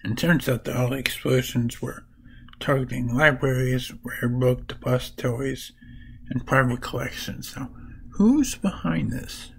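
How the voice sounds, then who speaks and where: A man casually retelling comic book plots in a halting, piece-by-piece way. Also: mid-range voice, flat delivery, vocal fry, a bit bright, slight background noise, rough recording.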